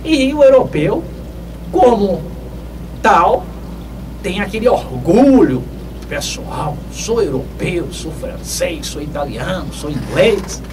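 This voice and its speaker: An older man, hosting a radio advice show in a measured, lecturing manner with emphatic rises. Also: high voice, sing-song. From Northeast Brazil. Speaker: radio host answering listener questions. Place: small dark radio studio. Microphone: studio mic on boom, heard from a distance. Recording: distant mic with clear background noise.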